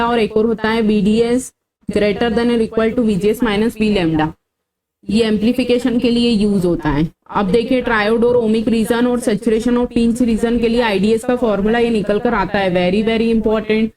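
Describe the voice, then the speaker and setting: A woman's voice: on the high side, a little mellow, rough recording. A woman teaching an exam-prep engineering lecture, explaining formulas step by step and telling students what to memorize. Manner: explanatory, drills formulas to memorize, mixes English terms; scolding students about comments. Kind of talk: online lecture.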